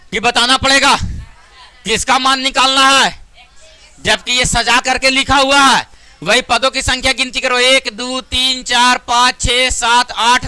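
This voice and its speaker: A man's voice: very high voice, bright, forceful tone, clear, resonant tone, dry recording. A man with a Bihari accent teaching math to a class in a classroom, chatty and joking, sometimes scolding students. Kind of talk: classroom lesson.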